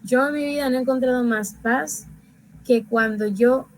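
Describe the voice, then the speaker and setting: Reflective woman with a higher voice. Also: steady tone, poor audio. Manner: reflective, reads scripture aloud slowly and deliberately. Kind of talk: casual devotional sharing.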